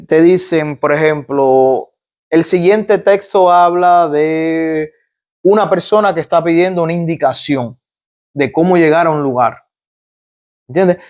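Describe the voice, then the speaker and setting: Halting Cuban man explaining things. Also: on the high side, a little mellow. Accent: Cuban Spanish. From Cuba. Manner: halting, restarts phrases, explains step by step with examples. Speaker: guest, migrant doctor. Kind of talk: conversational interview explanation.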